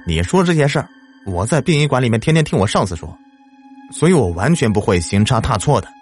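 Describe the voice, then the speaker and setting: A man's voice: on the low side, expressive, moderate pace, faint music behind, lightly acted. A man voicing an impatient young man who works at a funeral home, speaking brashly in an audio story. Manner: brash, slightly irritable.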